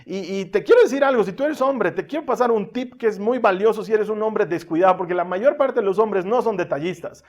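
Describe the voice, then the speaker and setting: Guy preaching, high voice, goes from loud and lively to real soft and hushed. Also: fairly quick, hardly any pauses, highs cut off. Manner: asks the congregation for amens, uses everyday examples. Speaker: pastor. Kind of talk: sermon.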